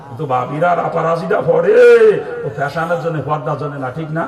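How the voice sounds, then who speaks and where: Thundering preacher on echoey PA. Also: male voice, fairly high pitch, quick pace. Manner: thundering, mocking, shouts rhetorical questions to crowd. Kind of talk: open-air sermon. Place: outdoor gathering. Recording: echoey distant PA sound.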